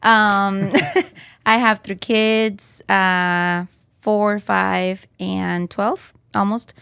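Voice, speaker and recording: A woman's voice: medium pitch, little pitch movement, extremely slow, creaky, a bit bright, clean tone, dry recording, clean studio sound. A woman in her thirties from Colombia, a podcast guest chatting casually, laughing often and saying "like" a lot. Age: 30s. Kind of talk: casual interview chat.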